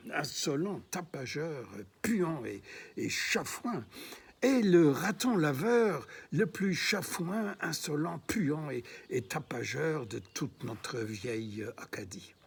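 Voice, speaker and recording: A man reads his own literary prose at an unhurried, halting pace, restarting phrases and pausing on filler sounds. His voice is gravelly and husky, and it often sinks toward a whisper at the ends of lines. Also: fairly high pitch. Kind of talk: literary reading.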